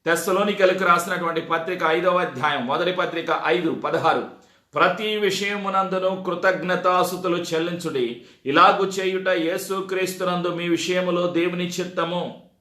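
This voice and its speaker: A man's voice: high-pitched, moderate pace, sharp tone, roomy sound. A man pastor delivering an emphatic sermon, repeating calls to his congregation. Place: church.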